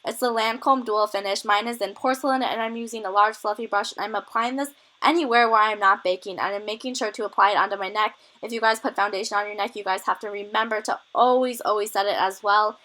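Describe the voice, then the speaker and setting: A woman's voice: medium pitch, steady tone, fast talker, hardly any pauses, sharp tone, low-quality recording. A young woman with a cold, a little out of breath, chatting enthusiastically through a makeup tutorial as a beauty vlogger. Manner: chatty, enthusiastic product tips.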